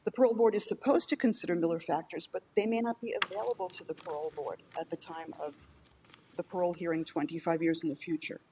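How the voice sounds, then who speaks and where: A woman lawyer delivering a formal oral argument in a measured, deliberate manner in a courtroom. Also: on the low side, steady tone, dark tone, poor audio. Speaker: appellate lawyer. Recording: faint background noise.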